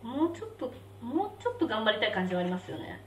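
A young Japanese-speaking woman chatting on a live stream, her voice fairly high and rising and falling a lot as she reacts to the spicy food. She is picked up from a little way off in a roomy space, with a faint hum behind her. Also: big pitch swings, racing. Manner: chatty, reacting aloud to spicy food, reads viewer comments. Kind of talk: casual live-stream chat while eating. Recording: roomy, slightly distant mic with faint background hum.

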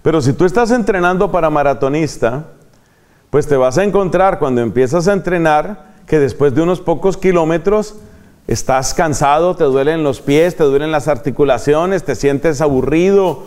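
Man, Colombian accent, preacher, retreat sermon, fairly high voice, repeats phrases. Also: moderate pace, darkish tone. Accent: Colombian Spanish. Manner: repeats key phrases for emphasis, asks and answers himself.

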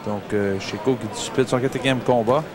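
A man with a Quebec accent giving casual, halting sports commentary as a second commentator. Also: medium pitch, fairly even intonation, crowd noise. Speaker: boxing co-commentator. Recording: noisy live arena broadcast.

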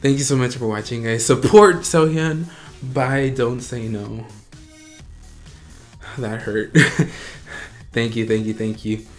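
This is a man at a middle pitch giving a casual, excitable reaction on camera. He rambles and repeats himself, often breaking into laughter. Faint music sits in the background. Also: slow pace, long pauses. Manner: excitable, gushing, laughing, trailing off. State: out of breath. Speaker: reaction video host.

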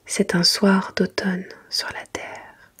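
A woman reading a children's picture book in a soft, gentle whisper, as ASMR for bedtime. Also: medium pitch, flat delivery, slow. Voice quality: breathy, mostly whispered soft voice.

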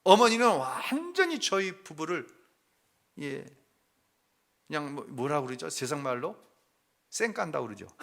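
Middle-aged pastor guy preaching, bright tone, goes quiet then loud when he acts out what people said. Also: on the high side, sing-song, unhurried, creaky, long pauses. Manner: storytelling, acting out quoted family voices, swings between hushed and loud. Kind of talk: sermon with personal story.

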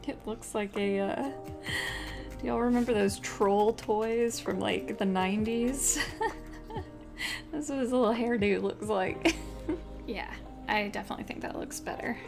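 A young woman in her home craft room walks through a casual crochet tutorial step by step, chatty, upbeat and often laughing. Her medium-pitched voice is unhurried, with vocal fry and long pauses, heard over music.

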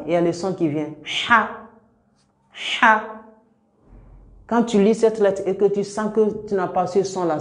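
A man teaching Arabic letters step by step, slowly repeating each sound for learners to copy. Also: on the high side, dark tone, echoey room. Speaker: Quran teacher.

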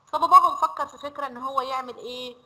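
A woman with an Egyptian Arabic accent teaching a children's lesson, stretching words out slowly as she drills them. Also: high voice, sharp tone, rough recording. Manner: slow, drawn-out word drills.

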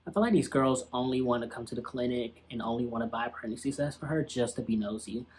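A man's voice: medium pitch, quick pace, a little hiss or hum. A young man giving casual, slangy and sassy commentary as he reacts to an old TV episode.

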